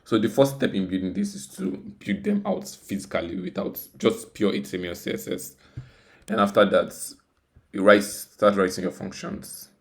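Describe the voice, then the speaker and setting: A software developer hosts a casual, unscripted coding tutorial, rambling and poking fun at himself while repeating words and phrases. His voice is lowish and animated, with vocal fry, at a moderate pace.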